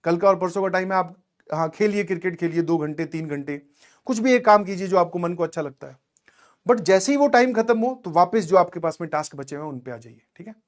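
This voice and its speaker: A man's voice: high-pitched, fairly quick. A man teaching and motivating students in a casual storytelling way, often checking in with his listeners and mixing in English words. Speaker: coaching teacher.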